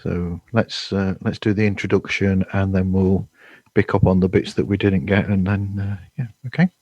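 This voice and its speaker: Low-voiced man hosting a podcast. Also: level tone, moderate pace, a little mellow, no echo, highs cut off. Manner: chatty, stammering restarts. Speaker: podcast host. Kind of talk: casual chat over a video call. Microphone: headset.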